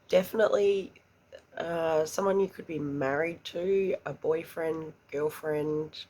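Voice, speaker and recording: In a deep, darkish voice, a woman leads a pick-a-card tarot reading. She's chatty and a bit congested from a recent illness, quietly murmuring questions to spirit as she goes.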